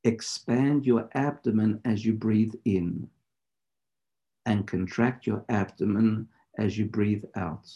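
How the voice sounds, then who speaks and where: A man teaching meditation in deliberate, measured phrases, in the instructive style of a spiritual lecture and guided practice. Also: fairly low pitch, dark tone, muffled recording.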